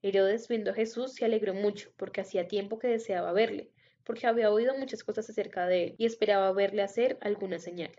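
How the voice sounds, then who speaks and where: A woman reading a Bible passage aloud in a steady, measured way. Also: mid-range voice. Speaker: scripture reader. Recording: dull lo-fi recording.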